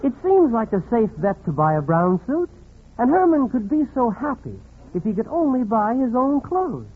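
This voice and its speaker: Playing a wry, scolding commentator who chides a domineering wife, an actor in a 1940s radio comedy sounds sardonic and admonishing, though only lightly acted. His medium-pitched voice is very animated at a moderate pace. The muffled 1940s recording carries a faint crowd and slight background noise.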